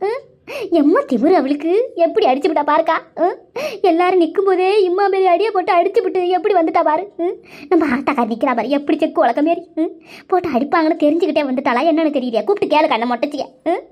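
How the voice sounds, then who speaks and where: A woman's voice: very high voice, lively intonation, quick pace, a little mellow. A woman voicing a wronged young village woman, talking in a whiny, complaining way.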